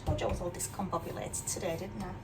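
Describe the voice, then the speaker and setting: With music in the background, an older cooking vlogger from Yorkshire, England, speaks in a steady, mid-range voice at a quick pace and a mixed northern English accent. She gives a casual, chatty, self-deprecating demonstration in her home kitchen, often adding tag questions. A distant mic captures clear background noise.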